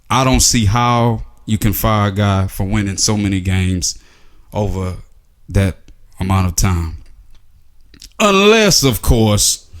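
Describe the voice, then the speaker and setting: Sarcastic man ranting about sports. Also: on the low side. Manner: sarcastic, rhetorical, filler-heavy. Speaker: sports commentary vlogger. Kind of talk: casual opinion monologue.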